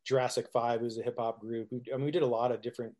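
A middle-aged man with a mid-range voice tells loose stories about his bands in a relaxed interview. He rambles, restarts his sentences and laughs often, and he acts out the other people's lines as he goes. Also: medium pitch, rapid-fire. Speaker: musician guest. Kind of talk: casual storytelling interview.

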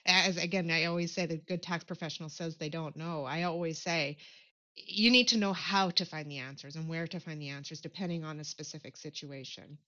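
An upbeat woman guest explaining things emphatically in a bright, forceful voice. The sound is dull and lo-fi, like remote audio. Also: sits low, steady tone, brisk. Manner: upbeat, emphatic, laughs easily. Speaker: tax professional guest. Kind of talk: casual interview chat.

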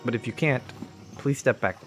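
A man's voice: mid-range voice, moderate pace, soft background music, lightly acted. A man voicing a male adventurer who calls out urgent orders to his allies in a fight, in a tabletop game. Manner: urgent commanding call.

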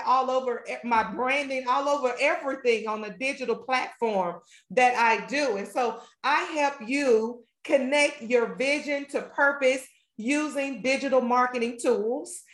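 A woman with a high, bright-pitched voice hosts a faith podcast and leads a fervent prayer in a preacherly cadence. The sound is roomy and echoey around her. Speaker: podcast host and marketing strategist.

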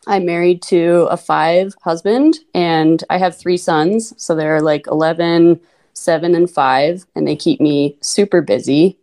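Guest, female, 30s, Upper Midwest accent, casual and upbeat, a bit low-pitched. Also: measured pace, mellow. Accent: Upper Midwest American. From North Dakota, USA. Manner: chatty, upbeat, frequent "like" and "you know". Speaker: podcast guest. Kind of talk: casual interview chat.

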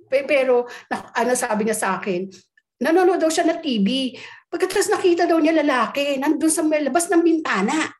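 A woman telling a ghost story in casual conversation, animated and acting out quoted dialogue. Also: high-pitched, brisk.

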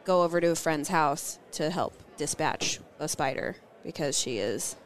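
Lady cohosting a bar podcast, kinda low voice, chatty, laughs a lot. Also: lively intonation, normal speed. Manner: chatty, laughing, swears casually. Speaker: podcast co-host. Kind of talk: casual bar chat.

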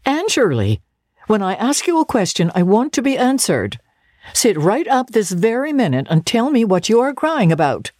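A woman's voice: a little high, big pitch swings, normal speed, darkish tone, no room sound, studio quality, voice pushed up. A woman voicing a strict, no-nonsense older woman who speaks in a stern, clipped way.

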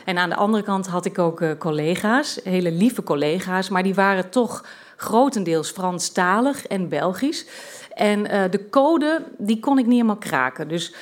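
A woman's voice: mid-range voice, lively intonation, normal speed. A woman from Twente telling a personal story at a live storytelling event, chatty and hesitant, with many filler sounds. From Twente, Netherlands.

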